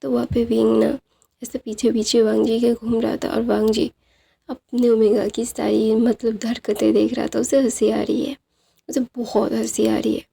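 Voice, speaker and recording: Gravelly-voiced woman storyteller. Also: fairly high pitch, level tone, moderate pace, mellow. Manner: chatty, repetitive storytelling. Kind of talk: casual fan-fiction retelling.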